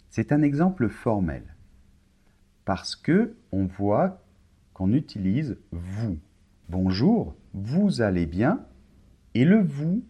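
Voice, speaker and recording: A man teaching a pronunciation lesson for learners, slow and deliberate, repeating words for them. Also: medium pitch, mellow, slightly rough. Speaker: French teacher.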